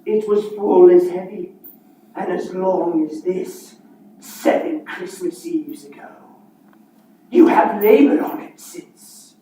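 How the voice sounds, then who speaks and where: A stern chained male spirit declaims slowly and ominously in a stage show, acted by a woman playing both parts. The delivery wails and rings out. It is heard from far off in a very echoey space. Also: fairly low pitch, lively intonation. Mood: anguished, stern. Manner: slow, ominous declaiming with loud drawn-out cries. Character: wailing, stern male ghost in heavy chains. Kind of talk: theatrical one-person stage storytelling, playing both parts. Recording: echoey hall from far off, faint noise.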